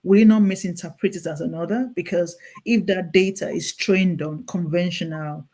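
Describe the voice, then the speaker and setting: Speaking at normal speed in a steady, dark, fairly low voice, this woman has a Nigerian accent and appears as a guest clinical nurse specialist. She explains things earnestly and urgently in an interview, frequently restarting and repeating herself.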